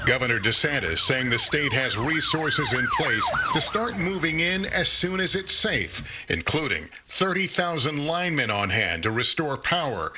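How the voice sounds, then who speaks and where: A man's voice: fairly high pitch, wildly swooping pitch, normal speed, bright, forceful tone, a little hiss or hum. A man narrating a scripted television news report as a correspondent.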